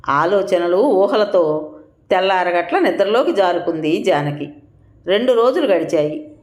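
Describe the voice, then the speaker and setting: A woman narrating a family drama audio story in an expressive storytelling manner. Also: medium pitch. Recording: roomy echo.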